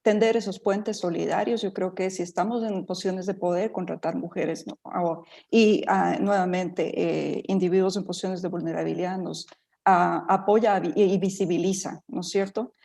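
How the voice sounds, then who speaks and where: A woman's voice: lowish voice, steady tone, normal speed, creaky, darkish tone. A middle-aged woman from Ecuador speaking as a panelist in an online talk, thoughtful, with many fillers and restarts.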